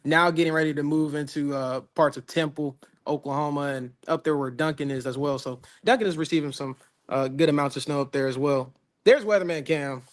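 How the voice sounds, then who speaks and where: A man with a fairly high voice co-hosts a casual live weather chat. He talks the forecast through in a laid-back, drawling way. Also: fairly quick. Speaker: weather co-host.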